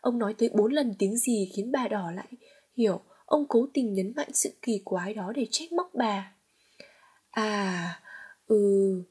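Husky, breathy woman narrating. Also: fairly high pitch, normal speed, mellow. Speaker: audiobook narrator. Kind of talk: scripted audiobook narration.

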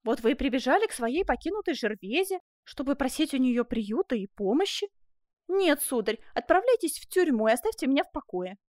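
A woman's voice: high voice, very animated, fairly quick, darkish tone, no room sound, studio quality. A woman voicing a coquettish young seamstress who teases her lover, in a storybook reading. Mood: teasing. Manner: coquettish, teasing.

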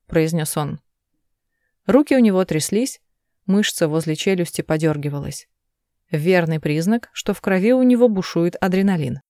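A woman narrating a first-person audiobook in a measured, steady voice. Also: on the low side, no echo, studio quality.

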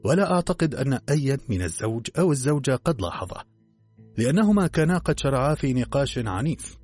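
A man doing a calm, shrewd detective. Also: medium pitch, breathy edge. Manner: slow and reflective.

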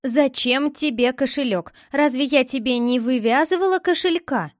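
A woman's voice: high voice, moderate pace, no echo, studio quality, close to an everyday voice. A woman voicing a young girl who coyly keeps a secret from her brother and teases him. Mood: teasing. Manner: teasing, coy, lightly scolding.

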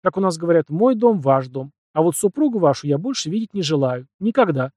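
A man's voice: fairly high pitch, big pitch swings, brisk, a little mellow, no echo, voice pushed up. A man voicing a tough young warrior who speaks bluntly and curtly. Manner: blunt and curt.

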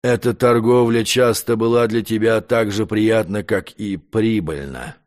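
A man reading an audiobook, voicing an arrogant male magician count who speaks calmly and curtly. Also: lowish voice, a little slow, voice pushed down, lightly acted. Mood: cool scornful. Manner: calm, curt, condescending. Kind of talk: audiobook character voice.

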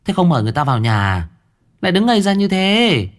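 A man voicing a brisk, stylish woman who fires off questions. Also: sits high, very animated, soft background music, voice pushed up. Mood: puzzled.

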